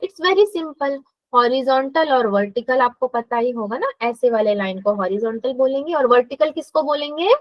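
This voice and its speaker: A woman's voice: high voice, expressive, moderate pace, dry recording, muffled recording. A woman math teacher giving a live classroom lesson, explaining step by step and asking her students questions.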